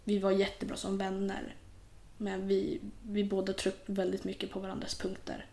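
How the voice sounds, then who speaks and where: A young woman, a podcast guest, talking casually and animatedly, often acting out what people said. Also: medium pitch. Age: young adult. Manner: animated, quotes people in lively voices. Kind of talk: casual conversation. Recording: roomy echo.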